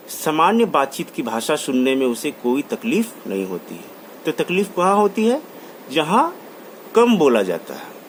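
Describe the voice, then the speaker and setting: A man giving a classroom lecture, repeating key terms and restating each point, mixing English terms into his talk. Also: fairly high pitch. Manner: mixes English terms into Hindi. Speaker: college lecturer. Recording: faint background noise.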